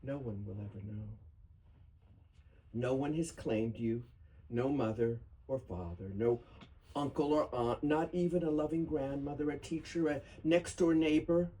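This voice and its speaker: A man giving a solemn poetry reading at a memorial, with deliberate, emphatic phrasing. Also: mid-range voice, warm tone. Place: bookstore reading event before a small audience. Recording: noisy live room recording.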